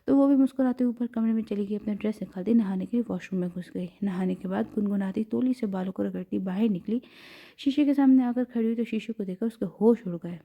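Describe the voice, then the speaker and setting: A woman narrating a romance audio novel in a steady storytelling way. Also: mid-range voice. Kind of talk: scripted narration. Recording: dull lo-fi.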